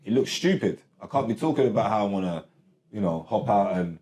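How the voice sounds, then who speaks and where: A man with a lowish, slightly mellow voice talks fairly quickly and animatedly as a rapper guest in a casual interview chat. He leans on laid-back slang, often says "you get me," and laughs a lot, all captured with roomy studio sound in a recording studio.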